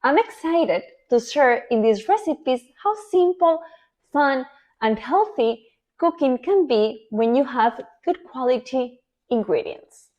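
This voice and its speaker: Spanish-accented woman host in her thirties, high bright voice with a very animated swing, enthusiastic and emphatic. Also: slow pace, dull audio. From Spain. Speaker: olive oil sommelier and cooking show host. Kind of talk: scripted introduction to camera.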